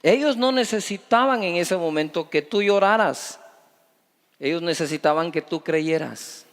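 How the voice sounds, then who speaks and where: A middle-aged man, preaching a sermon as a pastor, lively, full of rhetorical questions, swinging between loud and soft. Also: fairly high pitch, unhurried. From Guatemala. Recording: long reverb of a large hall.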